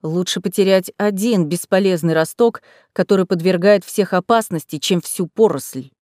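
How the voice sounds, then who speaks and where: A man's voice: high voice, normal speed, smooth, no echo, studio quality, close to an everyday voice. A woman voicing a stern, weary male guardian of a camp, a man with a cold, threatening manner who snaps when pushed. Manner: cold, menacing, then shouting.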